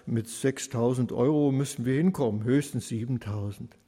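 A practical, helpful young man who weighs his words slowly, voiced by a man reading the story. The voice is a little husky. It rings on in a long hall reverb. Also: mid-range voice, mellow, lightly acted. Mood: thoughtful. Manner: slow, thoughtful.

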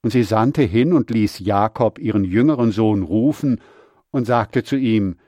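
A man reading scripture aloud in a slow, even, measured way. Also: lowish voice, dry recording. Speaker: scripture reader.

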